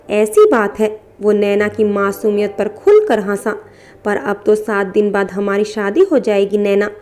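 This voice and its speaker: A woman narrating a romantic story, reading every character's lines in a soft, even voice. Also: mid-range voice. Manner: reads all characters' dialogue in a soft, even voice.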